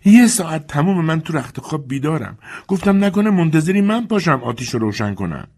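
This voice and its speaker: Fretful lady of the house, querulous, voiced by a man; raised, lively pitch. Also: breathy edge, exaggerated voice. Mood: complaining. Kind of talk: audiobook character voice.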